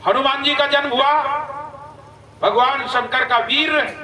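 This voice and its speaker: A man with a telling religious stories as a folk sermon to a gathering, animated and acting out the characters' lines. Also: very high-pitched, takes it slowly. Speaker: religious storyteller. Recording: echoey, far from the mic, crowd behind.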